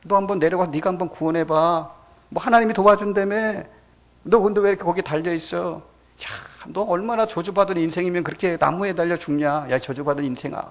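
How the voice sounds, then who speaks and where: A male pastor acting out jeering onlookers who taunt a man on a cross, in a higher pitch than his own voice. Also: brisk. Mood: mocking. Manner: taunting, sneering.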